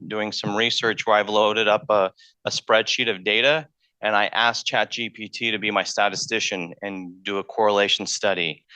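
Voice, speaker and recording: A man's voice: lowish voice, sharp tone, clear, resonant tone, no echo. A man giving a public college lecture in a room, talking conversationally and thinking aloud as he goes, speaking into a handheld mic. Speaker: math lecturer.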